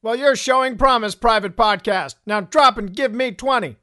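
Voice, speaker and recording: Drill sergeant played by a man, bossy, barking, high-pitched, bright. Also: moderate pace, soft background music. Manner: barking orders, mocking. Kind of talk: comedy podcast sketch.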